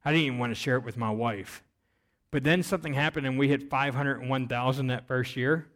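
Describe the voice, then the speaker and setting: A man preaching a sermon on missions, telling stories with energy that swings between loud emphasis and quiet. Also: mid-range voice, fairly even intonation, a little fast. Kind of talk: sermon with storytelling.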